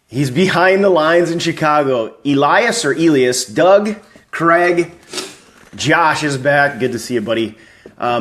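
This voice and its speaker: A man's voice: fairly high pitch, fairly bright tone. A man hosting a live fan stream, greeting viewers by name and chatting casually about football news.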